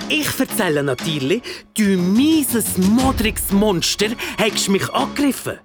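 A woman's voice: mid-range voice, big pitch swings, measured pace, over music, pitched above the performer's own voice. A woman voicing a cunning little girl who fakes tears, bold and mocking, with a Swiss German accent. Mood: cheeky.

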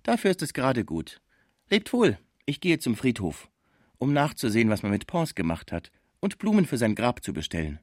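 A man reading aloud, voicing a gentle, grieving old German man. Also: mid-range voice, huge pitch swings, normal speed, no room sound, clean studio sound. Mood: resigned.

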